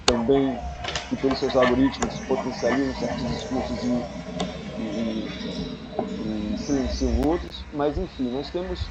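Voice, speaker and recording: A researcher and ethics lecturer with a Brazilian accent and medium pitch speaks extemporaneously on an academic panel via a remote online conference call. He explains things deliberately, often adding short tag questions, and the call sounds dull and lo-fi with loud noise.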